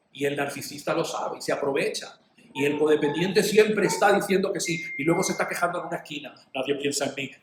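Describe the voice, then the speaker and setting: A middle-aged man preaching a sermon in an animated way, acting out short dialogues as he goes. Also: fairly high pitch, a little hiss or hum. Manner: animated, acts out little dialogues. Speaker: pastor. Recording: echoey room.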